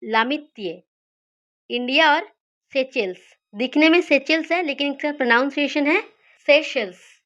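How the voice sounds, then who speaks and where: A woman teaching study mnemonics, repeating key words slowly and asking and answering her own questions. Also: high-pitched, a bit bright, lo-fi sound. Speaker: teacher of memory tricks.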